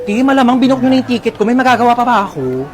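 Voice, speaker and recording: A young woman performs comedy skits in a playful, teasing way. Her voice is high and bright, and music plays under it throughout. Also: sing-song, rapid-fire. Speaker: comedy skit creator. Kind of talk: comedic skit acting.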